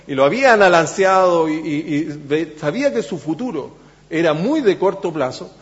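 A man preaching a sermon in a church, halting with many fillers and restarts, then pressing points with emphasis. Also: fairly high pitch, expressive. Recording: echoey church hall, dull sound.

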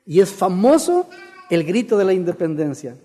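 A man's voice: high voice, normal speed. A man preaching a sermon in Spanish with a Mexican accent, telling jokes and reading scripture aloud with rising force. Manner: animated, shouts in jokes, reads scripture loudly. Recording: long hall reverb.

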